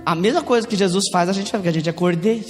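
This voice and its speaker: A male pastor with a Brazilian Portuguese accent preaching a fervent sermon, his voice climbing into shouts as he acts out the people he quotes. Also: high-pitched, very fast. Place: church sanctuary. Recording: reverberant church hall, faint music.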